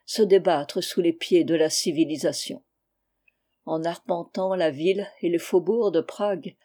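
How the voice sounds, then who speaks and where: A woman reading a literary memoir aloud in a measured, steady narration. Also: medium pitch. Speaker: audiobook reader. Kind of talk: scripted narration.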